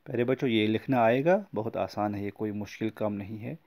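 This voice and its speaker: A man's voice: on the low side, darkish tone. Patient man teaching young pupils. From Kashmir. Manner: patient, explains words slowly and repeats them for children. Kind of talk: recorded lesson for schoolchildren.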